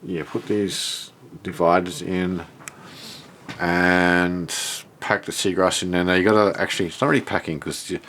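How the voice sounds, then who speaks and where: A man's voice: sits low, flat delivery, normal speed, fairly bright tone, a little hiss or hum. A man with an Australian accent and a blocked, nasal voice, giving a casual, unscripted walk-through as he thinks aloud. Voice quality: stuffed-up, nasal from a blocked nose. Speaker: vlogger showing a self-built shed.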